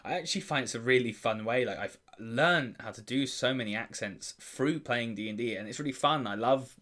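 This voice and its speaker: A man co-hosting a casual tabletop games chat, enthusiastic and quick to agree. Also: medium pitch, a bit bright. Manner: enthusiastic, agrees often, acts out quotes. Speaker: podcast co-host.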